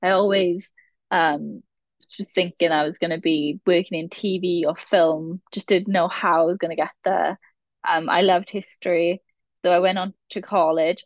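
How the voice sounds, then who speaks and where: This podcast guest, a woman in her 20s with a South Wales Valleys accent, has a fairly low voice. She chats casually, rambles, and laughs at herself, captured in a dry, kind of muffled recording.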